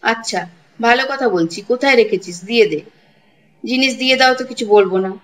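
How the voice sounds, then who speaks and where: Woman voicing a harsh old village woman, shrill, scolding, threatening, high and sharp, storybook reading. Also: brisk, close to an everyday voice, poor audio. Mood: furious. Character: harsh, bullying older village woman accusing a girl.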